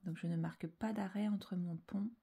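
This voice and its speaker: A woman teaching a slow spelling dictation to young children, calm and deliberate, repeating each syllable and often dropping into a whisper. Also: lowish voice, creaky, husky.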